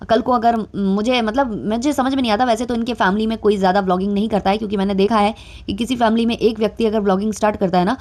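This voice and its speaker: Speaking quickly in a mid-range, darkish voice with fairly even intonation, a young adult woman vlogger runs through gossip commentary. Her style is chatty, full of fillers, and mildly sarcastic.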